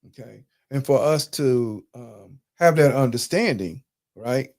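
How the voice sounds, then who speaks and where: A man's voice: mid-range voice, animated, unhurried, a little mellow. A man hosting a live talk, lecturing over slides in a conversational, emphatic way, with speech. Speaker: host.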